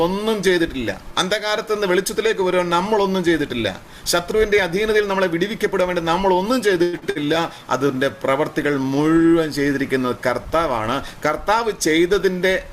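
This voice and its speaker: Guy pastor preaching, goes up loud on big points then mumbles praise the lord low, faint noise in the back. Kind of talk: sermon.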